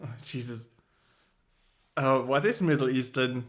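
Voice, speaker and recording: A man's voice: medium pitch, unhurried, a bit bright. A young man co-hosting a casual podcast chat, rambling with lots of fillers and frequent giggles. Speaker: podcast co-host.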